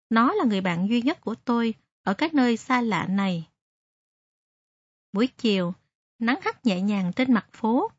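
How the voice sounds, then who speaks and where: A woman narrating a story aloud in a gentle, measured reading. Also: a little high, breathy edge, no room sound. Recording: dry, slightly muffled recording.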